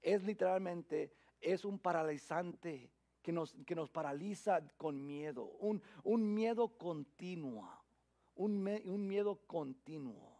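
A man with a high voice delivers a sermon as a middle-aged pastor. He drops from forceful emphasis to hushed, almost whispered lines, and often restarts and repeats his words. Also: takes it slowly. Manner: dramatic swings from loud emphasis to hushed near-whisper.

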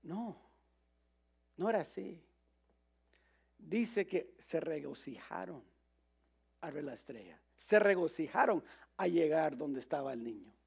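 Man, pastor, high voice, gravelly tone, sermon, stumbling storyteller. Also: expressive, a little slow, long pauses, a little mellow. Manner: storytelling, with frequent restarts and fillers.

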